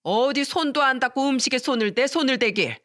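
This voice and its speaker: A woman voicing a shrill scolding mother-in-law. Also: a little fast. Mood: furious scolding. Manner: shouting, berating, sharp-tongued. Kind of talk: Korean story radio drama.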